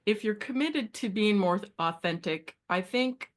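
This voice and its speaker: A woman guest in casual chat, speaking in a thoughtful, measured way with many restarts. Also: medium pitch, expressive.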